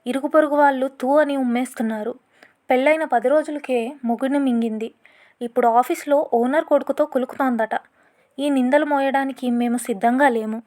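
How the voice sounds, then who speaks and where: A woman's voice: high voice, fairly even intonation, a little fast, darkish tone, lightly acted. A woman voicing a scornful sister-in-law who scolds harshly in a story reading. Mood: scolding.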